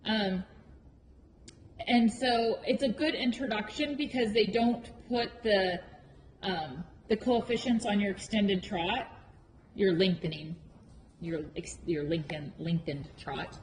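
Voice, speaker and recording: A woman's voice: medium pitch, slow. Frank woman instructor explaining, echoing hall. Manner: frank, emphatic, repeats key points. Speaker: horse riding instructor. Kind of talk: informal explanatory lesson feedback. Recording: reverberant hall with clear background noise.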